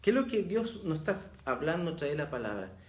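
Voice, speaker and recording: Earnest Chilean pastor preaching. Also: male voice, on the high side, big pitch swings, quick pace, darkish tone. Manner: earnest, reflective preaching with emphatic rises on verses. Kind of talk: sermon.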